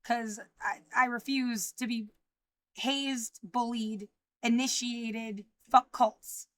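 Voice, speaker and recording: An anxious woman in her mid-thirties talks straight into her phone or webcam in a rambling livestream, stopping and restarting often. Her voice sits a little high. The sound is close and dry, with no room behind it. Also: steady tone, takes it slowly, a bit bright, no echo. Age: 30s. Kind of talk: livestreamed personal monologue.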